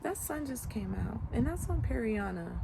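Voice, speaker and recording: A woman in her late twenties, a vlogger, speaks at a measured pace in a fairly high voice. She rambles in a relaxed, reflective way, full of "like" fillers, outside in the country on a sunny morning, with a noisy background of clear outdoor ambience.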